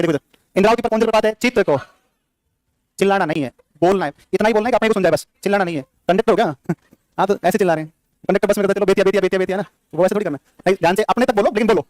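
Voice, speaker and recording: A man teaching geography in a live class, firing quick questions at students and repeating the answers, with playful scolding. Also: high voice, dry recording.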